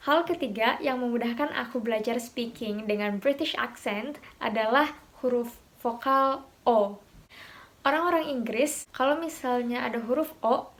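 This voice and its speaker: A woman from Indonesia with a somewhat high voice talks through pronunciation tips in a casual vlog. She sounds relaxed and chatty, and she thinks aloud as she explains. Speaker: vlogger teaching pronunciation.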